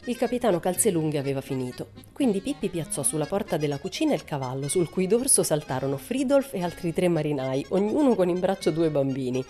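A woman narrating a children's audiobook in a calm, expressive storytelling manner. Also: fairly low pitch, a little fast, hardly any pauses, faint music behind.

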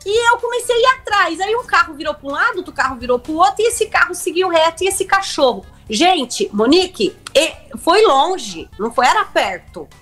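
A young woman tells a story as a guest, her voice sitting high and climbing higher as she acts out what people said. She talks in emotional, breathless bursts with frequent restarts, and soft music plays faintly behind her. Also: big pitch swings, normal speed, hardly any pauses. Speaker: guest, reality show contestant. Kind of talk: animated storytelling in a chat.

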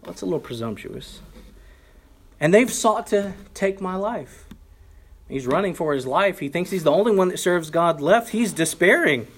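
A man's voice: high voice, expressive, normal speed, husky. A male pastor preaching a sermon, earnest and conversational, with emphatic rises when quoting scripture. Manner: conversational asides to the congregation.

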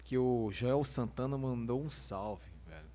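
A man's voice: mid-range voice, expressive, measured pace, mellow. A man with a Brazilian accent co-hosting a live music stream in casual, slangy, sweary banter.

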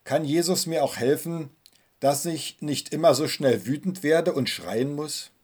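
A husky-voiced man playing a small, hot-tempered boy who whines and complains as he tells a story in a sermon. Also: on the high side, unhurried, darkish tone. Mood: anxious questions. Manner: complaining, pleading.

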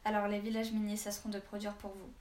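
A woman's voice: medium pitch, level tone, fast, darkish tone, lightly acted. A woman voicing a blunt, defiant old man of a village, speaking firmly, recorded with a roomy echo. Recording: roomy echo, faint background hiss.

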